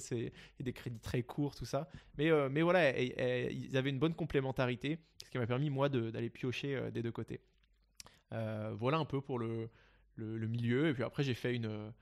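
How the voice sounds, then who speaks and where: Speaking as a guest investor in an interview, this young man from the Paris region, Seine-et-Marne, relates his story casually, peppered with fillers and restarts. His voice is medium-pitched and creaky.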